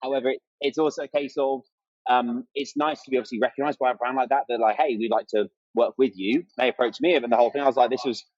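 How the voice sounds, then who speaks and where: An amateur runner and content creator chats fast and enthusiastically as a podcast guest, reenacting exchanges from memory. His mid-range voice has fairly even intonation and a darkish tone, and the audio is dull with no room sound.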